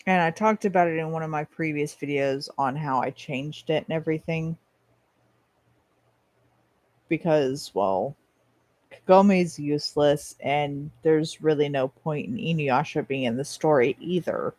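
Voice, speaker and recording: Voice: medium pitch, normal speed, darkish tone, no echo. A person chatting casually and bluntly to viewers in an opinionated, rambling way, swearing at times and chewing while talking. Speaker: vlogger.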